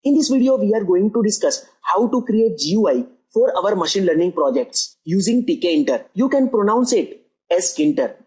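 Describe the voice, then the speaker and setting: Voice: mid-range voice, lively intonation, moderate pace, dark tone, husky, poor audio. A coding tutor talking through a screen-recorded programming lesson step by step, often repeating "as you can see over here".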